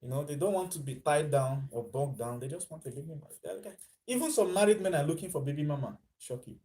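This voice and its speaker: Quick and expressive, this Nigerian man's voice sits a little high with a darkish tone. In his casual vlog he rambles chattily, drops into Pidgin, and laughs at his own remarks.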